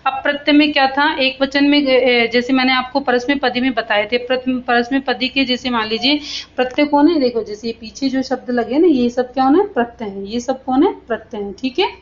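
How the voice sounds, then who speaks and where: A woman with a high voice teaches Sanskrit grammar to schoolchildren, drilling verb forms and answering her own questions. She speaks to the pupils with affection and has them repeat after her. The recording sounds a little dull and muffled. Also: a little fast. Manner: affectionate, addresses pupils as "beta". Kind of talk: online grammar lesson for children.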